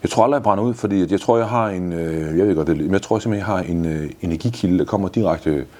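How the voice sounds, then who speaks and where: Husky deep-voiced man in his fifties. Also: warm tone. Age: 50s. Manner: blunt and swearing, enthusiastic. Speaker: guest. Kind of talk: casual interview answers.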